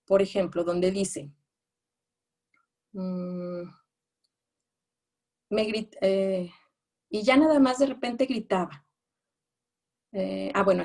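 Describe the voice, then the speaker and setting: A woman lectures on attachment patterns in narratives, her voice sitting at an ordinary middle pitch. She explains step by step and keeps checking in with her audience. When she quotes someone, she lifts her voice into brief acted readings. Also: warm tone. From Mexico. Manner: explanatory, checks understanding with rhetorical questions; reads out quoted phrases in raised, acted tones. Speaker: psychotherapy lecturer.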